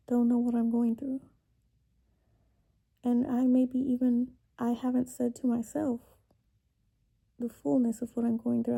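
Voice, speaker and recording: A woman in her twenties venting confessionally to camera, halting and tearful, with long pauses and words trailing off. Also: on the high side, gravelly, dark tone, slightly rough. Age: 20s. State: emotionally upset, tearful. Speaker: vlogger. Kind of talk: confessional personal vent to camera.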